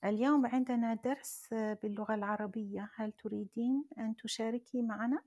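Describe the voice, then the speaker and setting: Woman language teacher, patient and encouraging, gravelly mellow voice, dry close sound. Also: fairly high pitch, fairly even intonation, a little fast, no room sound. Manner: patient, prompting and correcting a learner. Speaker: Arabic teacher hosting a live audio room. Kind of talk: live language lesson. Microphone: phone in an audio chat app.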